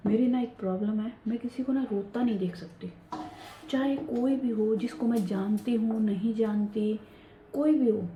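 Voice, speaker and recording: A woman in her thirties narrating her daily home chores in a soft, hushed voice-over, chatty and confiding. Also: a little high, moderate pace, muffled recording, a little hiss or hum. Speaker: home vlogger. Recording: roomy home voice-over with faint ambience.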